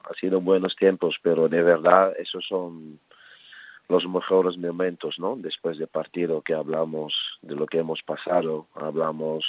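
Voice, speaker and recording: A middle-aged man from the Netherlands, a former footballer turned coach, talking as a guest in a radio interview, relaxed and halting, with many fillers and restarts. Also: low-pitched, no echo. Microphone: phone. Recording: tinny phone line.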